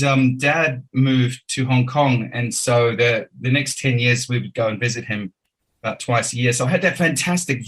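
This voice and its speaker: A man's voice: mid-range voice, fairly bright tone, low-quality recording. A man, a podcast guest telling his story in a chatty, enthusiastic way with plenty of ums. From New Zealand. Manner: chatty, enthusiastic, filler-laden. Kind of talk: casual interview storytelling.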